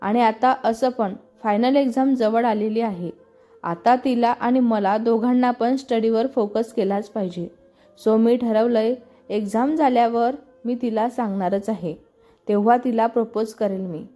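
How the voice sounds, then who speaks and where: A woman's voice: on the high side, steady tone, unhurried, mellow, faint music behind, lightly acted. A woman voicing an eager young college man in love, in a storybook reading. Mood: earnest.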